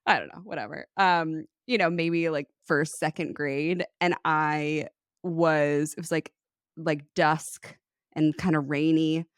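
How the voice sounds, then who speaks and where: A woman co-hosting a podcast in casual conversation, an animated storyteller who laughs often. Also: deep voice, slow, clear, resonant tone, no echo, studio quality. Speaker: podcast co-host.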